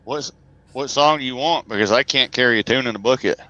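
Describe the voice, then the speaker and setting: Bright-voiced joking truck driver man. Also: mid-range voice, a little fast, dry recording, lo-fi sound. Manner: folksy joking storyteller. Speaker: guest, truck driver and former trainee. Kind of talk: casual conversation, storytelling.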